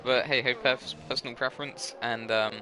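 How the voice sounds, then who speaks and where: A man's voice: medium pitch, steady tone, normal speed. Young male sim racing commentator, tired, rambly, self-correcting, noisy home recording. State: tired, yawning. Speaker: race commentator.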